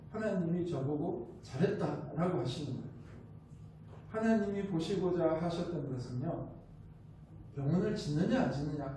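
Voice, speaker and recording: A high-pitched man with a Gyeongsang accent preaches a missionary's sermon, acting out what others said to him. His tone is soft and mellow rather than bright. The recording comes through a booming church hall from a mic set well back, with faint room noise. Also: far from the mic. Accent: Gyeongsang Korean. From Gyeongsang region, South Korea. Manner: storytelling with rhetorical questions and acted-out quotes. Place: church sanctuary.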